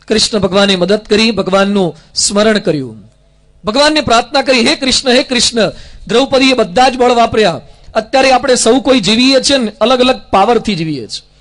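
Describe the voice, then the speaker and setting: A man's voice: sits high, a bit bright. A middle-aged man with a Gujarati accent, a monk giving a sermon, who tells stories and acts out the dialogue between the characters in them. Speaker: monk and preacher.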